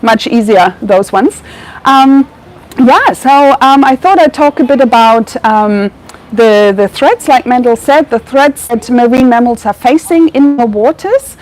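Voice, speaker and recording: Speaking at a measured pace, the young woman has a slightly high, animated, darkish voice, heard over slight background noise on a rough recording. She's a German research veterinarian with a hint of Australian in her German accent. Her public talk is chatty, with frequent ums, restarts and self-corrections.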